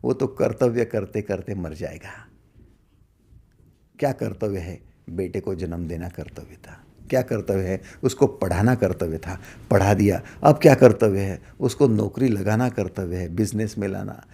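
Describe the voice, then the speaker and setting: A middle-aged man giving a spiritual discourse as a teacher, asking rhetorical questions and swinging between loud emphasis and hushed asides. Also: sits low, normal speed, creaky, breathy edge.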